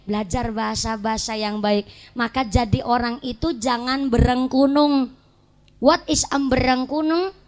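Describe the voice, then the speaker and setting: High-voiced Ngapak woman preacher, jokey. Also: a bit bright. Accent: Banyumas Javanese (Ngapak). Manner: jokey storytelling, mixes regional dialect words into Indonesian. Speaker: Islamic preacher. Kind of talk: humorous sermon.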